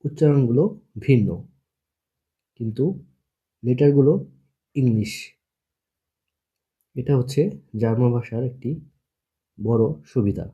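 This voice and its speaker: A man's voice: medium pitch, unhurried, long pauses, dark tone, muffled recording. A man teaching an online language lesson, patiently spelling out letters and sounds one at a time.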